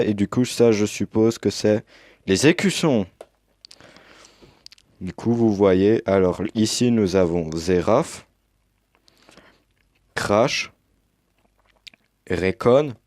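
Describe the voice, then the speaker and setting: A man's voice: on the low side, a little mellow, dry recording, clean studio sound. A young man casually commenting as he unboxes a game edition, hesitant with many fillers, recorded on a headset mic. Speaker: unboxing youtuber.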